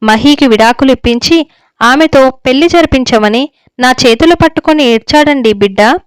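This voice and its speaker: Worried older mom begging her husband, read by a woman, high clear voice. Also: normal speed, dry recording, lightly acted. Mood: pleading. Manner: pleading, tearful. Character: anxious pleading older mother and wife. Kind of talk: story reading.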